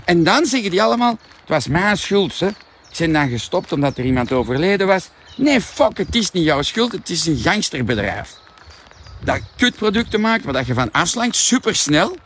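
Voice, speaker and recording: A man with a Flemish accent, ranting animatedly and swearing as he pitches a diet product on a live vlog. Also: sing-song, normal speed, a bit bright, a little hiss or hum. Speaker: product seller.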